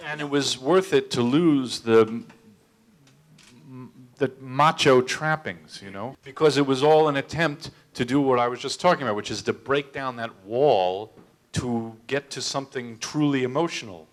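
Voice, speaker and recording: A man's voice: mid-range voice, normal speed. A male director chatting through stories in front of an audience, voice in an ordinary middle range. He often trips over his words and restarts them. His humor turns against himself. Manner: anecdotal, self-deprecating, restarts with stammered repeats. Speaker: film director. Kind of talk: storytelling talk at a public Q&A.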